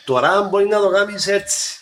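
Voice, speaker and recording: A man with a Greek Cypriot accent, a musician being interviewed, talking casually and haltingly with English words mixed into his dialect. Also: sits high, fairly bright tone, a little hiss or hum. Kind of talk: casual chat.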